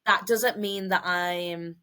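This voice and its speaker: A woman's voice: on the low side, fairly even intonation, slow, bright, forceful tone. A woman in her twenties, co-hosting a podcast and talking openly about her life in a chatty, filler-heavy way. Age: 20s. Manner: chatty, emotional, many fillers. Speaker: podcast co-host and guest. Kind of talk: casual podcast chat.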